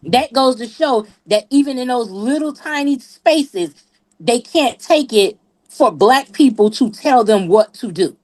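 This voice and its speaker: A woman's voice: a little high, expressive, a little slow, a little mellow. A woman talking on a live group chat, blunt and profane, repeating herself for emphasis. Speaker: panelist.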